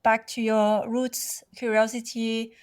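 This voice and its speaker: A woman's voice: on the high side, flat delivery, takes it slowly, clear, resonant tone. A woman hosting a podcast interview, asking curious, winding questions. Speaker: podcast host.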